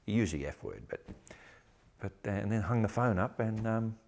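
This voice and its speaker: Deep-voiced older man, broad Australian accent. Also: lively intonation, moderate pace, creaky, a little mellow. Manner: blunt, salty, colloquial storytelling. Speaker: actor interviewee. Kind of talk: casual reminiscing interview.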